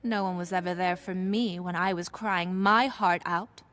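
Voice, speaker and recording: A woman's voice: fairly low pitch, fairly even intonation, normal speed, a bit bright, slight background noise, lightly acted. An actress playing a bitter young witch woman who speaks in a contemptuous, cold way, in a film clip.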